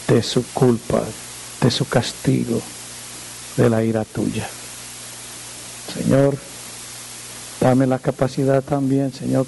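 A male pastor reading scripture aloud in a sermon and praying, slow and solemn, lifting his voice for quoted speech. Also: medium pitch, gravelly, mellow, a little hiss or hum, rough recording. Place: church.

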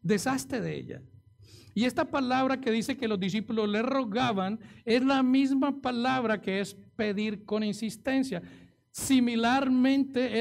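A man's voice: very high-pitched, creaky. A man preaching a sermon, acting out the pleas in the story and asking the congregation rhetorical questions. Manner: dramatic, acts out quoted pleas, rhetorical questions.

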